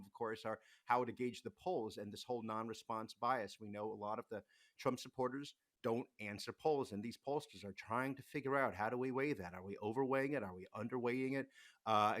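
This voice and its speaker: A young man guest on a radio show, with a rough morning voice, talking candidly and thinking aloud about the race. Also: mid-range voice, fairly bright tone. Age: young adult. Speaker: guest, podcast co-host and editor. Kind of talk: casual political chat.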